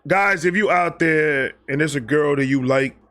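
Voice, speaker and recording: A man hosting a storytime vlog, telling a personal story in a casual, animated and profane way, often restarting and repeating himself. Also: on the high side, normal speed. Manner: animated, profane and self-mocking, with frequent restarts and repeated phrases.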